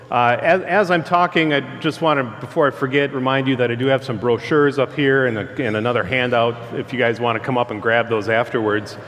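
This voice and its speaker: A man's voice comes through loudspeakers with long hall reverb. He has a mid-pitched voice and presents informally to the public, in a halting, conversational manner. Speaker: guest speaker, transportation engineer. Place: large room, speaking through a PA system.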